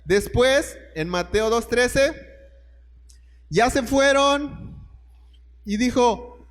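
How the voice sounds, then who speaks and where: A man's voice: very high voice, very slow, in a large hall. A man preaching a sermon, telling the story and putting questions straight to his listeners.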